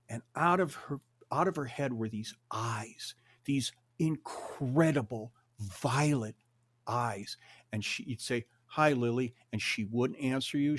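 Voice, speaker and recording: An older man telling stories as a podcast guest, animated, acting out quotes and swearing freely. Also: mid-range voice. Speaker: guest storyteller. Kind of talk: conversational storytelling.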